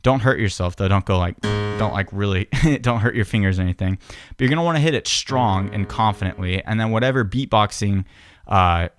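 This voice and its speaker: Piano plays in the background as a teacher of piano and beatboxing explains a tutorial step by step in a lowish voice. He talks fairly quickly yet stays casual and patient, often leading with the word "so."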